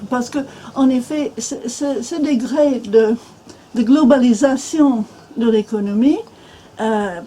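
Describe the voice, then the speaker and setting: An older American woman speaks French in a halting way, full of restarts and fillers. Her voice sits fairly high but sounds mellow and dark. There is faint noise behind her, from a bookshop event room. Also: rough recording. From Minnesota, USA. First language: English. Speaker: author and guest speaker. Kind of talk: panel discussion.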